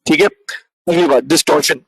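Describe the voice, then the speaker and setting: A man's voice: on the high side, fairly even intonation, fairly quick, gravelly, breathy edge, no echo, rough recording. A man, teaching an online revision class and mixing in English terms as he addresses students as friends.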